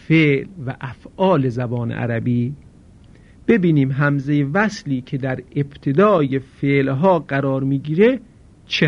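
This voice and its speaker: A man teaching Arabic grammar in a recorded lesson, speaking slowly and deliberately, asking his students questions and answering them himself. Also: on the high side, creaky. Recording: dull lo-fi recording.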